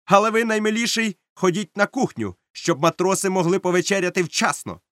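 A man's voice: fairly high pitch, big pitch swings, a little fast, no room sound, studio quality, pitched above the performer's own voice. A man voicing a strict, stern male ship captain who gives curt orders in a raised voice. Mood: commanding. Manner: curt, commanding, barks orders.

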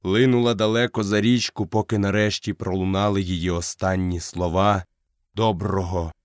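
A man reading a storybook aloud as narrator, steady and measured. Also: on the low side, smooth, dry recording, clean studio sound.

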